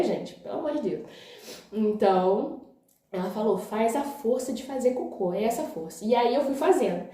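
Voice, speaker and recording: A woman's voice: a little high, warm tone. A young woman with a Brazilian accent, telling her own story to viewers in a chatty, casual way. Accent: Brazilian Portuguese. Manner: chatty, often says "gente" and "né", laughs along. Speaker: vlogger. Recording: very echoey room.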